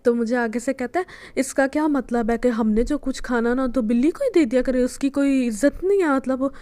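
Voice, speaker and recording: Telling a casual vlog story, this young woman from Pakistan talks a little fast in a high, mellow voice. She's chatty and rambling, repeatedly picking back up with "anyway."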